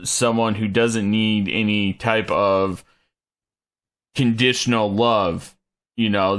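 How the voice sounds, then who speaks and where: A man's voice: lowish voice, a bit bright, smooth. A man hosting a podcast, asking his questions hesitantly with many fillers in a casual chat. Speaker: podcast host. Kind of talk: casual conversational interview.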